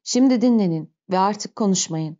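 A calm nun in a storybook soothes her patient in a soft voice, put on by a woman reading aloud. Her tone is mellow and warm. The recording is dull and lo-fi. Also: mid-range voice, normal speed, lightly acted. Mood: soothing.

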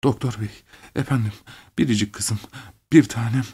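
A man's voice: on the high side, lively intonation, normal speed, darkish tone, breathy edge, voice pushed up. A man voicing a desperate peasant father who pleads in broken, crying phrases. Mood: frantic pleading.

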